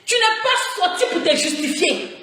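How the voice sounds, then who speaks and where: A high-voiced woman with an Ivorian French accent, heated and taunting, her pitch swinging widely as she mocks in a sing-song tone. She streams live from her phone, and the room around her is full of strong echo. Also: animated, normal speed, pushed and bright. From Côte d'Ivoire. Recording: very echoey room sound.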